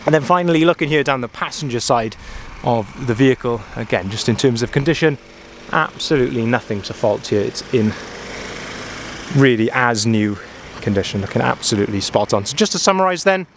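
Speaking a little fast in an expressive, medium-pitched voice, a car sales manager enthusiastically reviews a pickup truck, chatting away with plenty of ums and uhs. The handheld-camera walkaround begins inside the truck and continues outdoors at the dealership yard, with slight background noise.

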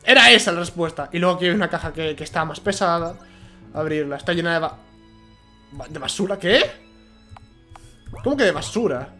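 A man from with a cold commentating a video game at a home microphone, half-shouting and rambling. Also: fairly high pitch, lively intonation, fairly quick, long pauses, soft background music. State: has a cold. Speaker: gamer. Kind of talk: let's play commentary.

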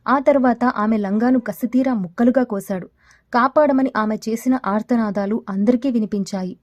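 A woman narrating a scripted story in a steady, dramatic reading manner. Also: fairly high pitch, dry recording.

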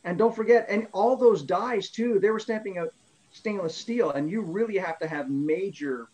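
A man on a video call telling lively anecdotes in casual chat. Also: sits high, normal speed, lo-fi sound. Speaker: panel member.

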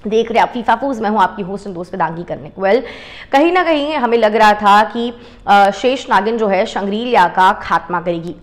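Chatty woman hosting entertainment news. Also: mid-range voice. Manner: chatty, mixes Hindi with English phrases. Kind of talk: scripted entertainment news narration.

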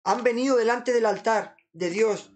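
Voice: mid-range voice, normal speed, a little mellow. Earnest preacher pleading with listeners. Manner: repeats "amados amigos" constantly, earnest pleading. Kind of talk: sermon.

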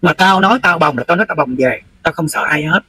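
A man's voice: fairly high pitch, fast talker, sharp tone, a little hiss or hum, rough recording. A middle-aged man with a Southern Vietnamese accent, delivering a heated, confrontational livestream rant and scolding someone bluntly. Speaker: livestream host.

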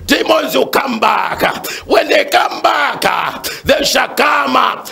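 A man's voice: very high-pitched, lively intonation, takes it slowly, vocal fry, pushed and bright, breathy edge, raised voice, soft background music, some chatter behind. A man preaching fervently and praying with callers on a phone-in, with frequent "uh" fillers. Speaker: pastor. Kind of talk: shouted sermon and prayer phone-in.

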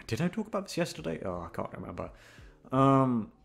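With music in the background, a young man's creaky, mid-range voice comes through fairly quick and very animated. As an audio roleplay voice actor, he chats loosely with listeners, hesitating, cursing, and mocking himself.

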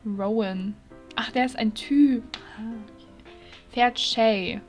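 A woman's voice: fairly high pitch, takes it slowly, faint music behind. A woman giving casual let's-play commentary as a YouTuber, chatty and giggly, tossing in English phrases as she reads quest dialogue. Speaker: YouTuber playing a horse-riding game.

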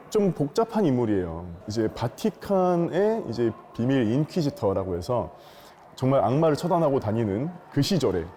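Male interview guest, earnest and reflective, warm mellow voice, lively intonation. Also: medium pitch, slight background noise. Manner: earnest, reflective, explains at length. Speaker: musical actor as interview guest. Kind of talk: casual interview talk. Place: quiet room with some ring.

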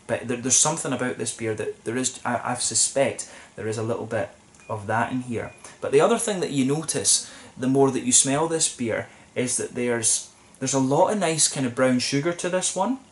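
Talking at a moderate pace with hardly any pauses, a young man in a medium-pitched voice reviews a beer on camera. He sits at a table in a small, plain room, musing and rambling with many ums and restarts.

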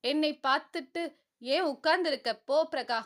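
Proud young woman, sulky and dismissive, woman doing her, high voice. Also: normal speed, a bit bright. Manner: dismissive, sulking.

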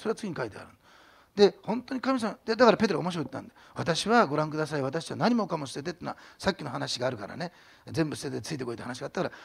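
A man preaching a sermon as a pastor in a church, conversational and animated, telling stories and acting out the voices in them. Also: on the high side, gravelly, breathy edge. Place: church sanctuary.

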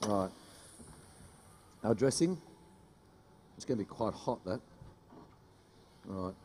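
Joking chef at a live demo. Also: male voice, on the low side, lively intonation, big-room sound, noisy background. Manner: brisk, joking, teases the audience. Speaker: chef doing a cooking demo. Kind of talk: live cooking demonstration. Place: studio kitchen stage with a live audience. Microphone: headset mic.

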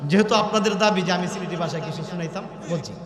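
A high-pitched male preacher with a Sylheti Bengali accent delivers an emphatic, exclaiming sermon and leads the crowd in chanted refrains. His voice rings out through a large, echoing venue with a long reverb tail. Faint music sits behind him. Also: very fast, fairly bright tone. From Sylhet, Bangladesh. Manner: emphatic, exclaiming, breaks into chanted sing-along lines. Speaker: Islamic preacher. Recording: echoey hall sound with faint music.

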